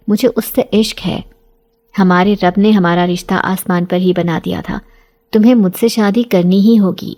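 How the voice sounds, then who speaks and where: A smooth male jinn who won't take no for an answer, played by a woman narrator, coaxing in a soft, mellow voice. He stays calm and insistent, sweet-talking through a spoken horror tale. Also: medium pitch, lightly acted.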